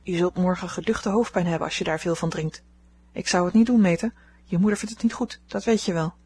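Earnest young gentleman, protective, read by a woman narrator, husky tone. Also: fairly low pitch, brisk. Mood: warning.

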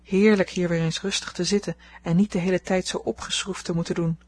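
A woman reading aloud, voicing a young woman at a ball who is full of regret, with a husky voice. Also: fairly low pitch, fairly even intonation, brisk, darkish tone. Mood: confiding.

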